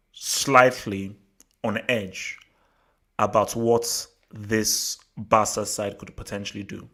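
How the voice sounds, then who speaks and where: A man hosting a live football hangout, lively and steering the talk, breaking in on his guests to move things along. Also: on the low side. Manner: animated, talks over guests to steer the discussion. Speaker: show host. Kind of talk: casual live hangout chat.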